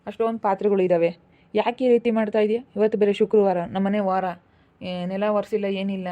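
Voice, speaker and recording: Casting: quick-talking scolding woman, dull lo-fi sound. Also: medium pitch, steady tone. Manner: scolding, nagging. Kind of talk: home-made village drama acting.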